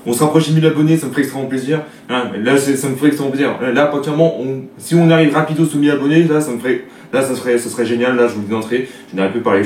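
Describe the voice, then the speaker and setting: Heard from a distant microphone in a reverberant room with a bit of noise, a young football video host talks through a match in a loose, rambling debrief. His voice sits at medium pitch with a darkish tone, and he leans on filler words and keeps restarting his sentences.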